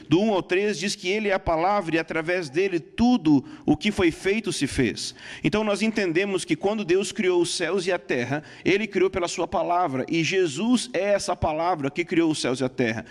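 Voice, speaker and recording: A man preaching a teaching sermon, emphatic, citing scripture and checking in with the audience. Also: sits high. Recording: long hall reverb.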